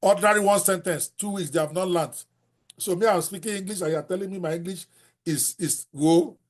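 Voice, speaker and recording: With a high voice and a fairly quick pace, this older Nigerian host speaks with a Yoruba accent. He runs a book-writing class in a blunt, animated style, sprinkling in Yoruba phrases.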